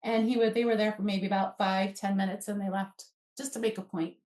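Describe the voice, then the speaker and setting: Brisk and medium-pitched, an American woman in her fifties from Alaska tells stories conversationally as a guest author, animatedly voicing remembered dialogue. She sits far from the mic, and the room echoes.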